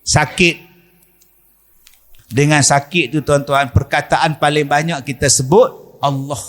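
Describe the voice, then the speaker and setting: A man's voice: a little high, fairly even intonation, slow pace, fairly bright tone. A middle-aged man with a Malaysian Malay accent preaching a sermon in a mosque, telling stories and acting out the voices of the people in them.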